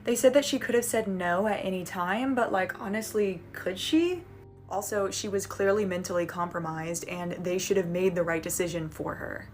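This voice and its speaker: Low-pitched woman narrating a true story. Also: fairly even intonation, moderate pace, hardly any pauses, a little mellow, faint music behind.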